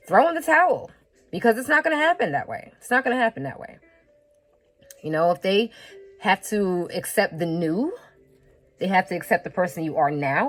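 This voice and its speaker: A tarot reader with a lowish voice gives a casual, frank, and blunt reading. She swears freely, laughs in little asides, and repeats phrases to drive them home, sniffling now and then from a slight head cold.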